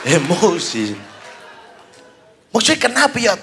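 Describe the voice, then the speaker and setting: Lively high-voiced comedian. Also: male voice, slow pace, some chatter behind. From Papua, Indonesia. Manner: animated storytelling, acts out high shouted voices of fans. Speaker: stand-up comedian. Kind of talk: stand-up comedy. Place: stage before a live audience.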